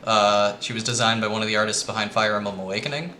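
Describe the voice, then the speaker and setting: Low guy with a bright edge, rambling thru a casual presentation to friends, faint room hiss. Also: fairly even intonation, quick pace. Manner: rambling with frequent ums, quietly earnest.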